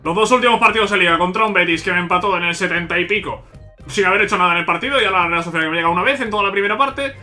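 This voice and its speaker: A man commentating his football video game as he plays, talking to viewers, often repeating himself and complaining that the game is unfair. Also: high voice. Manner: frustrated, repetitive ranting at the game, swearing; bursts into loud excited shouts at big plays. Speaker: gaming youtuber. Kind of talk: live gameplay commentary.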